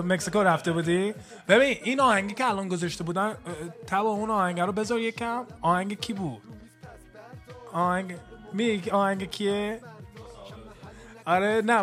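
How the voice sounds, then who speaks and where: Male call-in host, American-tinged accent, high and playful. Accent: American-tinged Persian. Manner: jokey, loud greetings, banters with callers. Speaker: radio host. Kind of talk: call-in radio chat.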